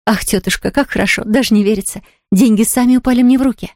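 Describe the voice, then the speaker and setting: High eager young girl, bubbly and breathless, rapid exclamations, as a woman narrator voices her, dry close sound. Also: a little mellow, dry recording, natural voice. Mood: excited.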